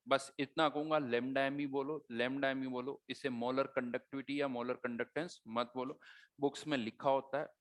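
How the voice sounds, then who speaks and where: A man teaching a chemistry class, explaining concepts conversationally and asking his students rhetorical questions as he goes. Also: mid-range voice. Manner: conversational teaching, mixing Hindi with English terms, rhetorical questions. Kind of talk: classroom lecture.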